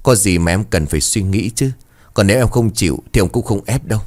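A man voicing a scheming, lecherous middle-aged landlord who speaks softly and coaxingly. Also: lowish voice, a little fast, natural voice. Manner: soft, coaxing, then hesitant.

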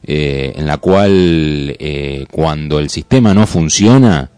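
A man with a Rioplatense Argentine accent co-hosting radio commentary in a hesitant, halting way, often repeating words. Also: rumbling low, lively intonation, a little mellow, clean tone, no echo. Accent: Rioplatense Argentine Spanish. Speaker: radio co-host.

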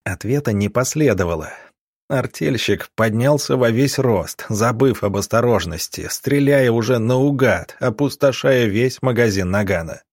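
A man reading an audiobook in a measured, steady storytelling voice, recorded on a close studio mic. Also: mid-range voice, dry recording. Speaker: audiobook narrator. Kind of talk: scripted narration.

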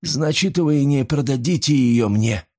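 A man's voice: a little slow, a little mellow, natural voice. Man putting on a frantic old pawnbroker. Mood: panicky. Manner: breathless, pleading, rising into shrill panic.

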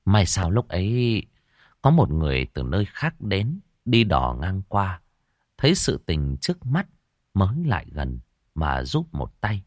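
Expressive low-voiced male story narrator. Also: unhurried, dry recording. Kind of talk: horror story audiobook narration. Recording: dry close mic with faint music.

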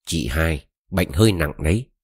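A man's voice: very deep voice, expressive, normal speed, breathy edge, no echo, studio quality, heavily acted. A man voicing a sly old woman shaman. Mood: probing. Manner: cunning, coaxing.

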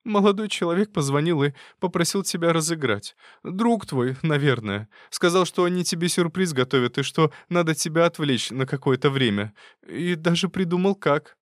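A man's voice: a little high, lively intonation, moderate pace, hardly any pauses, dry recording, clean studio sound, pitched above the performer's own voice, close to an everyday voice. A man voicing a naive, fretful elderly woman neighbor who mumbles and frets. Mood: guilty.

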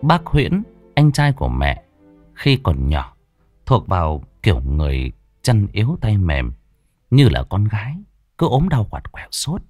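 A man, narrating a ghost story in a dramatic, expressive way. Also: fairly low pitch, a little slow, soft background music.

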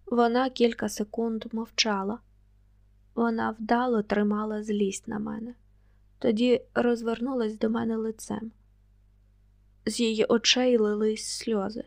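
A woman narrating a first-person novel in a measured, even reading voice. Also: fairly high pitch, gravelly, dry recording. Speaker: audiobook narrator.

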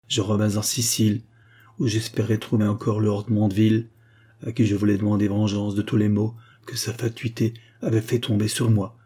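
A man reading a classic novella aloud as scripted narration, in a measured, dramatic manner. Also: fairly low pitch, dark tone, breathy edge. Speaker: audiobook reader.

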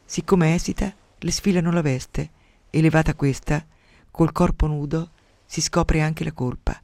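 A man's voice: on the high side, steady tone, unhurried, vocal fry, darkish tone, dry recording. A man on the radio retelling a classical myth dramatically, breaking in with wry asides. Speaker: radio storyteller. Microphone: studio mic.

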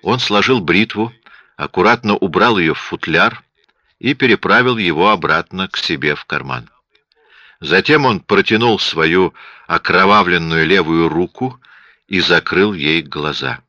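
A man reading a story as an audiobook narrator, in a steady even delivery, on dull lo-fi audio. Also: sits low, measured pace, no room sound. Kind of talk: scripted narration.

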